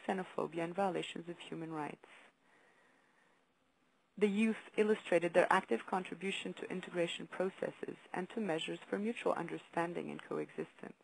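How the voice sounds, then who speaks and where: A woman reading a formal, measured presentation about a youth video project on a webinar. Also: fairly low pitch, fairly even intonation, creaky, a little mellow, poor audio. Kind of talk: read-out presentation.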